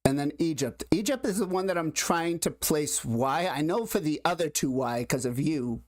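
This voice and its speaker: A man hosting a casual livestream, introducing guests with drawn-out hype and asking chat questions. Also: a little high, expressive, no echo. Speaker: host.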